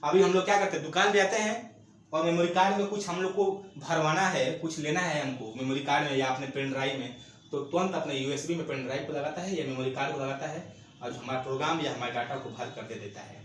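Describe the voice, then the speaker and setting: A man teaches a computer lesson for exam candidates, keeping a fairly high voice. He drills each term by asking the class and then answering himself. The recording is heavily echoey with faint ambient noise behind him. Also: fairly even intonation, fast talker, a bit bright. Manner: repetitive, asks the class questions and answers them himself.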